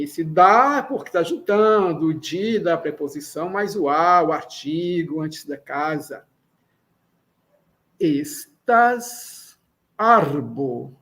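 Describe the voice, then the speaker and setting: Slow, patient Brazilian man teaching. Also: a little high, fairly bright tone. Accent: Brazilian Portuguese. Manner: patient, repeats example sentences slowly. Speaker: Esperanto teacher. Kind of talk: slow classroom explanation.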